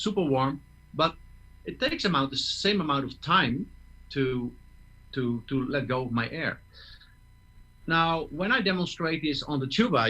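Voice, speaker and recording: A man with a fairly high, bright, forceful voice leads an online master class on breathing for brass players. He explains each step patiently, stumbles over and repeats words, and keeps checking in with his listeners. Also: poor audio. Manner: explains step by step, restarts words, asks "okay?". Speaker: tuba teacher giving a master class.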